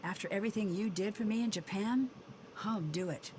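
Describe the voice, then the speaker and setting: An actress voicing a young skeptical woman detective who answers calmly and with dry humor. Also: medium pitch, fairly quick, a little hiss or hum, natural voice. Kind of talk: video game voice acting.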